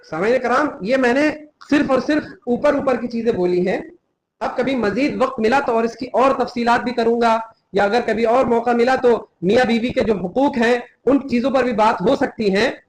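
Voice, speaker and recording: A young man preaches with fervor in a strikingly high voice. He scolds his listeners and breaks into quoted scripture in Arabic. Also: moderate pace, slight background noise, rough recording. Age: young adult. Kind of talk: sermon.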